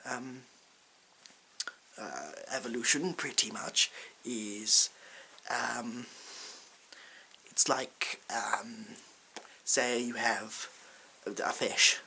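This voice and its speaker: A man playing a bumbling, self-important supply science teacher in an ASMR role-play, hesitant and rambling, with deadpan asides. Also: on the low side, exaggerated voice, rough recording. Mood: flustered stalling. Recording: hissy background noise.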